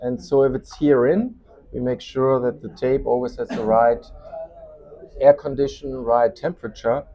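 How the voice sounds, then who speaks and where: The recording is low-quality, but the man's medium-pitched voice comes through warm, with fairly even intonation. Speaking with a German accent, he demonstrates his company's product informally, pausing and groping for words in his non-native English.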